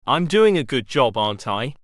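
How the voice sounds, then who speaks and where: A cocky, cheeky schoolboy, voiced by a male narrator, mocking and sure of himself. His pitch moves in lively swings, and the sound is dry and close. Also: normal speed, dry recording, close to an everyday voice. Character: cheeky boy who mocks a strict teacher.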